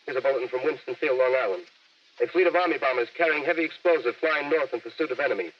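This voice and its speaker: A man's voice: mid-range voice, fast. An actor playing a grave male studio announcer reading urgent news bulletins in a 1930s radio drama, heard through an old AM radio broadcast. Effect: old AM radio broadcast sound. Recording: distant, muffled 1938 radio broadcast with hiss.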